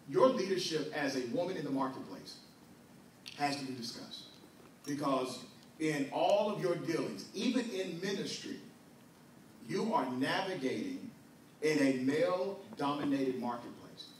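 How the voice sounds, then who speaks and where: A man's voice: on the high side, lively intonation, a little slow, pauses often, heavy reverb. Man, host, earnest and rhetorical, distant mic with faint background noise. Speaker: interview host. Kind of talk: conversational interview.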